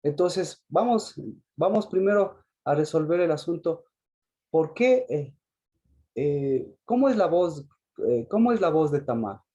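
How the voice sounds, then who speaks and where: A man's voice: a little high, lively intonation, unhurried, warm tone, husky. A man preaching a sermon, often repeating and restarting phrases and asking the congregation rhetorical questions.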